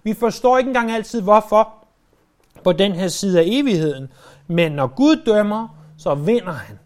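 A man preaching a sermon who retells a story vividly and slows down to stress key words. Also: sits high, animated, a little mellow.

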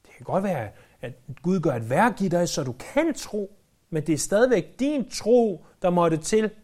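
A man's voice: high voice, sing-song, darkish tone. A man preaching a sermon in an earnest, emphatic way, repeating key phrases for weight.

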